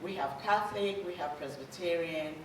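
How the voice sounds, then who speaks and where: A woman's voice: lowish voice, moderate pace. Woman, echoey and distant. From Cameroon. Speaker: church retreat speaker. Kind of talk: informal talk to a church group. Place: church meeting room. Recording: roomy hall audio from a distant mic with faint noise.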